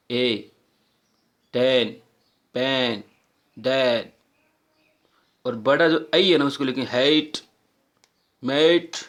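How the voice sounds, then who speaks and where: A man's voice: mid-range voice, a bit bright. A man teaching a casual phonetics lesson, patiently explaining and repeating vowel sounds aloud.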